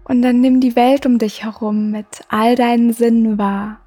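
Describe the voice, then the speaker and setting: A woman hosting a meditation podcast, guiding the listener in a soft, slow, soothing way with long pauses. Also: fairly high pitch, level tone. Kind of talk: guided meditation. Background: music.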